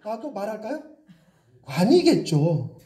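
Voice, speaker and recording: A man's voice: high voice, very animated, takes it slowly, mellow. A middle-aged male pastor giving a playful sermon in a church, teasing his congregation and acting out different tones of voice. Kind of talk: lively sermon with acted voices. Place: church sanctuary.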